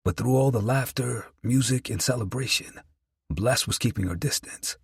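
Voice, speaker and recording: A man's voice: mid-range voice, moderate pace, gravelly, husky, no echo, clean studio sound. A man narrating a first-person audiobook in a reflective, earnest way.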